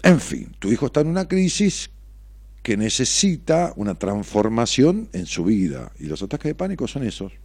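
This is blunt on-air commentary: a middle-aged radio host with a Rioplatense Argentine Spanish accent reads listener messages and responds sarcastically and provocatively, cursing freely. He speaks at normal speed in a very animated, mid-range, darkish, husky voice, with no echo.

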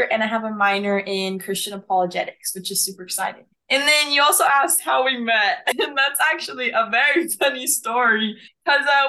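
Bubbly twenties woman, grew up in el salvador, fairly high voice, giggly storyteller. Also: bright, forceful tone. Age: 20s. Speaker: guest. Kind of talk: casual storytelling.

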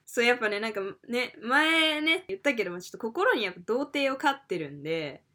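A woman's voice: on the high side, lively intonation, brisk, bright, forceful tone. A woman co-hosting a casual radio-style podcast, reacting with teasing jokes. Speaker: podcast co-host judging segments.

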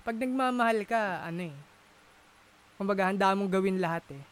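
A man's voice: high-pitched, moderate pace, smooth. A man in a casual chat, searching for words and mixing English into his talk. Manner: searching for words, many fillers, Taglish code-switching. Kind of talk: casual conversation.

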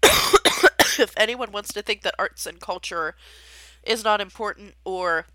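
A woman's voice: medium pitch, unhurried, pushed and bright, no room sound. A woman hosting a podcast, an amateur pianist talking casually about her practice and a composer's life, with many fillers and rambling asides. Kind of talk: casual solo chat.

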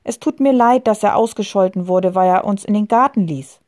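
A woman voicing a young girl who is gentle, anxious and pleading. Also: medium pitch, brisk, close to an everyday voice.

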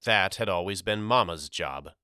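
A man reading a first-person novel aloud as an audiobook narrator, in a measured storytelling delivery. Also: deep voice, animated, pushed and bright, smooth, dry recording, clean studio sound.

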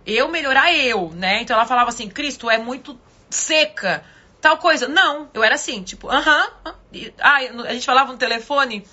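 A middle-aged woman pastor, giving a casual devotional talk in a loud, forceful way. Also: sits high, dull audio. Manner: loud, forceful, talks with her hands.

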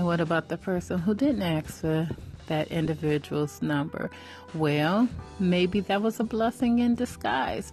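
Earnest woman, 40s, mellow tone, faint music under her, preacherly motivational talk. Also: medium pitch. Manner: earnest, preacherly, repeats phrases for emphasis. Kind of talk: faith-based motivational talk.

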